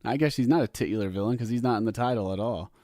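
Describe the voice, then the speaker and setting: A man co-hosting a podcast, chatting casually about movies in an animated, goofy way. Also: lowish voice, rapid-fire, no echo, studio quality. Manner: animated, goofy, sings and does voices. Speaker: podcast co-host.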